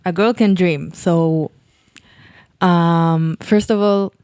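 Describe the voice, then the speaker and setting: Relaxed, smooth-voiced young Israeli-accented woman. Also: fairly low pitch, slow pace, no room sound, studio quality. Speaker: panel guest. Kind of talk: conversational interview answer.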